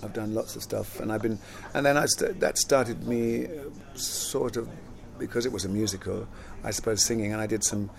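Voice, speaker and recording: An older man, an actor and singer born in Jamaica and raised in London, speaks with few pauses in a fairly low, creaky voice at a moderate pace. He reminisces in a relaxed interview, rambling, repeating words, and laughing frequently.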